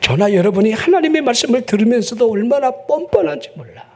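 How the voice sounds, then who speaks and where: A man pastor preaches in a church with a Chungcheong Korean accent. His voice sits unusually high and moves through a wide, animated melody. He teases the congregation and breaks into sudden shouts. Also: fast. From Chungcheong, South Korea. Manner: joking, animated, bursts into shouting. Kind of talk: sermon. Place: church sanctuary.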